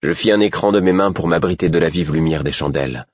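A man giving a measured first-person novel narration as an audiobook narrator. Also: sits low, a little mellow, breathy edge, no room sound, highs cut off.

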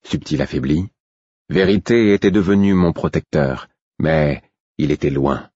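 A man narrating an audiobook in a measured first-person manner. His voice is very deep and husky, recorded dry and close with a slightly dull, lo-fi tone. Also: a little mellow, dry recording.

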